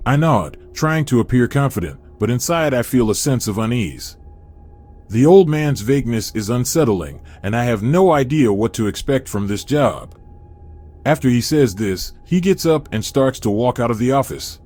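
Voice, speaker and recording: A man's voice: medium pitch, expressive, moderate pace, a little mellow. Man narrating a horror story. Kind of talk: scripted first-person horror narration.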